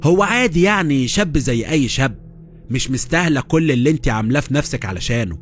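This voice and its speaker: A man's voice: mid-range voice, expressive, fast, faint music behind, lightly acted. A man voicing a teasing, dismissive young woman in Egyptian Arabic, in a spoken horror story. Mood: mocking. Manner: teasing, scornful.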